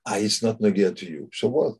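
Guy teaching torah casually, very husky voice, stops and restarts a lot. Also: on the low side, a little mellow. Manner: halting, searches for words, many restarts. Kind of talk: informal Torah talk.

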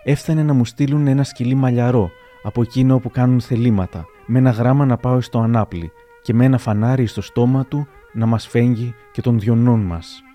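A man's voice: medium pitch, dark tone, soft background music, lightly acted. A man reading as a sly old general. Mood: wry. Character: proud old male general, blunt and sly.

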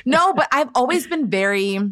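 A woman in her thirties hosting an interview, affirming her guest and telling her own story with lively emphasis. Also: high voice, normal speed. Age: 30s. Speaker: interview host. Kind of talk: conversational interview.

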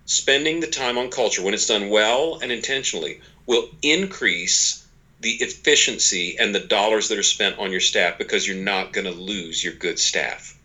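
On the low side and at normal speed, this man's voice is bright and forceful. In his forties, he is an author and organization leader guesting on a podcast, explaining ideas conversationally and folksily, with emphatic repetition and quoted asides.

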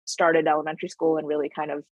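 A Connecticut woman in her forties appears as a guest in a conversational interview, reflecting aloud with frequent fillers and small laughs. Her voice is low, her delivery completely flat and fast, and the recording has no room sound.

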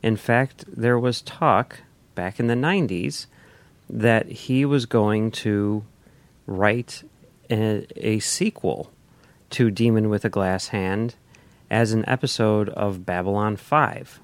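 A man's voice: lowish voice, slow pace, dry recording. A man co-hosting a casual podcast discussion, talking in a hesitant way with many restarts. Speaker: podcast co-host.

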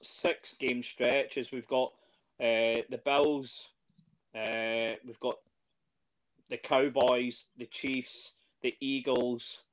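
A man talks in a relaxed, conversational way, mid-pitched. He hesitates a lot, filling gaps with ums and starting sentences over. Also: drawn-out words. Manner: hesitant, lots of fillers and restarts. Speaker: podcast guest, fan. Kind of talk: casual chat.

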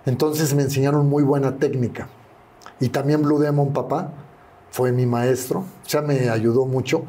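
An older retired wrestler with a Mexican Spanish accent guests on a casual interview, telling stories and imitating people he quotes. His dark, medium-pitched voice moves at normal speed with fairly even intonation.

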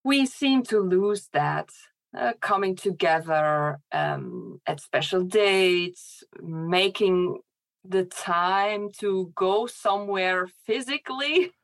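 Middle-aged woman, talks slow and thoughtful, laughs a bit, guest on a podcast. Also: mid-range voice, sing-song. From Poland. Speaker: scholar guest. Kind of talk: podcast interview.

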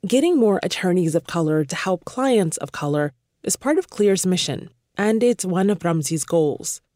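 A woman reporter narrates a news feature in a measured, scripted way. Her voice is low-pitched and mellow, warm rather than bright. She also puts questions to her interviewee. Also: animated, dry recording, clean studio sound.

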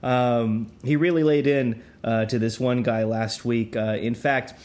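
A man hosting a podcast with casual talk-show patter and a halting delivery. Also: medium pitch, steady tone, a little mellow. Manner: halting, addresses listeners as folks. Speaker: podcast host.

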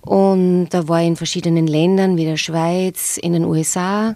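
A yoga and meditation teacher with an Austrian accent, answering interview questions calmly and thoughtfully, pausing often with hesitations. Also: female voice, lowish voice, dry recording. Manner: calm, thoughtful, with frequent hesitations. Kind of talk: podcast interview.

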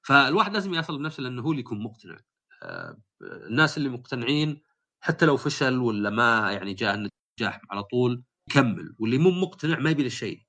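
A man hosts a casual podcast chat and tells his stories with animation. He speaks very fast, in a bright and forceful voice. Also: mid-range voice. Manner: animated storytelling. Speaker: podcast host.

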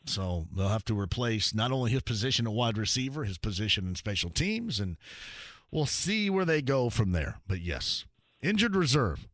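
A man's voice: on the low side, big pitch swings, normal speed, fairly bright tone, dry recording, clean studio sound. A man hosting a call-in sports radio show, chatting and joking with callers and laughing often.

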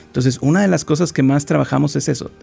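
Gravelly-voiced male therapist explaining calmly. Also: a little high, fast. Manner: calm, explanatory. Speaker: guest therapist. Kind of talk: explanatory interview answers.

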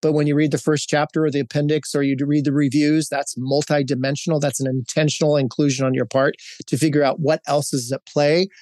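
A candid middle-aged man from Hawaii, United States, a corporate executive, gives reflective interview answers as a guest, storytelling with frequent fillers and restarts. His fairly high voice stays level and brisk, hardly pausing, a little mellow, and the recording is dry.

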